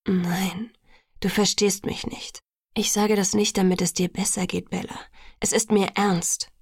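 A woman voicing a gentle, restrained young male vampire in a calm, tender whispered role-play. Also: mid-range voice, measured pace, husky, no room sound, clean studio sound.

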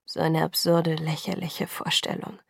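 A woman reading the lines of an intense, remorseful young man in love, soft, hushed and pleading. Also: low-pitched, flat delivery, unhurried, gravelly, breathy edge, dry recording, studio quality, voice pushed down, heavily acted.

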